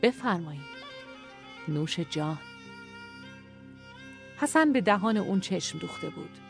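Calm storyteller over soft violin. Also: mid-range voice, vocal fry. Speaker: narrator. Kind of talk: storybook narration. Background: faint violin music.

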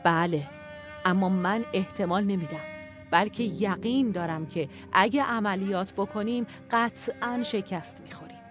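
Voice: medium pitch, fairly bright tone, natural voice. A narrator voicing a resolute male war commander who speaks firmly and insistently, in an audio story read over faint violin music. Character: resolute war commander, man, firm and impassioned.

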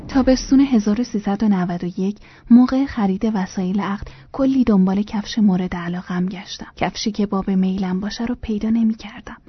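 A woman reads a first-person memoir in a soft, hushed voice that keeps slipping toward a whisper. Her tone is husky and breathy at a middling pitch. The recording is dry, with no room sound, and a little muffled. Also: no echo, soft background music. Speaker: narrator.

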